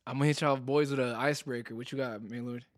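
A young man from Mexico, a guest on a casual podcast, telling stories in drawn-out, joking slang. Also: medium pitch, steady tone. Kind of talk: casual chat.

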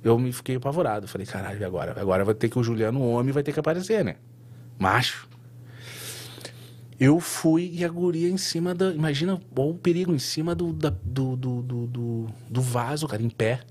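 A man, a tattoo artist guest, telling a story in an interview in an animated, slangy way, with lots of fillers and restarts. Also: medium pitch, a little fast.

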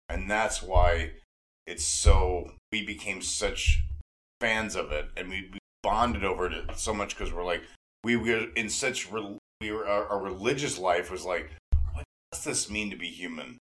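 A man in his forties hosts a podcast as a devoted fan, chatting casually in an earnest, rambling way. He repeats himself often and swears freely. His voice is lowish and the audio is poor.

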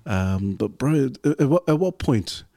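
A man's voice: medium pitch, very animated, unhurried, vocal fry, dark tone, dry recording, clean studio sound. A man co-hosting a podcast, asking a long rambling question and repeating himself as he goes. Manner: rambling, repeats words, calls people bro. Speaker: podcast co-host. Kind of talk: casual podcast chat.

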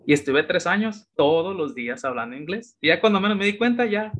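Bright-voiced Mexican man telling stories. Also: high-pitched, a little fast, highs cut off, slight background noise. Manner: relaxed storytelling with many fillers. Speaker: guest. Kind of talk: casual interview chat.

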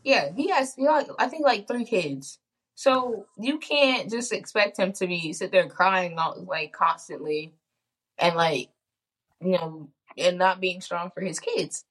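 A woman's voice: lowish voice, unhurried, a bit bright. A young woman co-hosting a podcast in casual chat, joking and slangy, often laughing. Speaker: podcast co-host.

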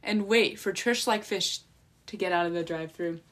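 A woman's voice: fairly low pitch, normal speed, a bit bright. A young woman co-hosting a casual comedic chat, rambling and giggly, cracking jokes as she goes. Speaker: co-host.

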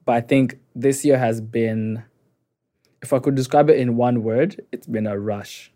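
Upbeat young man with a dark, mellow voice. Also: medium pitch, steady tone, a little slow. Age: young adult. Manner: upbeat, playful emcee flourishes. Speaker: podcast co-host. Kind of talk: casual podcast chat.

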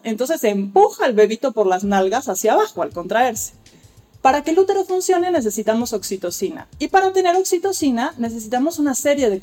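A woman with a mellow, slightly high voice appears as an expert guest, laying out childbirth care. Her delivery is articulate and lecture-like, and she voices the dialogue she quotes.

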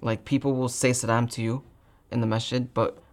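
A man hosting a casual video discussion, informal and halting as he works toward his questions. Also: medium pitch, little pitch movement. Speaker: video host, interviewer. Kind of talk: casual chat.

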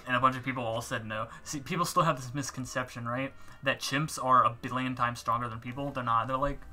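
A man's voice: mid-range voice, fairly even intonation, brisk, bright, forceful tone, faint music behind. A young man in casual chat, rambling through stories with lots of fillers and self-mockery. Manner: rambling storyteller, filler-heavy, self-mocking. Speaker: co-host.

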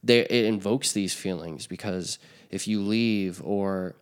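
A man with a fairly low voice chats on a podcast. He rambles, circles back and restarts sentences, filling gaps with "like" and "you know." His talk is loose and unscripted. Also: takes it slowly, smooth. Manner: rambling, lots of fillers and restarts. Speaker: podcast co-host. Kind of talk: casual chat.

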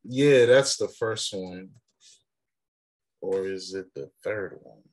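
A man's voice: low-pitched, slow. A young man co-hosting a podcast, arguing his point in casual, profane talk and cutting in over his partner. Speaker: podcast co-host. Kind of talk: casual debate about rap.

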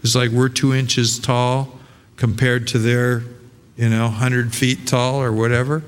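A man's voice: medium pitch, little pitch movement, measured pace, slight background noise. A male pastor preaching a sermon in a conversational way, full of rhetorical questions and restarts. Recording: long hall reverb.

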